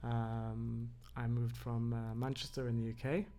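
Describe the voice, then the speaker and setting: A man's voice: mid-range voice, flat delivery, a little slow, dark tone. A man raised in England, a podcast guest who talks hesitantly with many fillers. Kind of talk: casual conversation.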